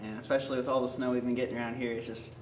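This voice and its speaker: A man's voice: mid-range voice, little pitch movement, racing. A young man speaking casually as the host of a homemade video, chatting to his viewers. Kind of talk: casual vlog chat. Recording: echoey, distant mic, faint noise.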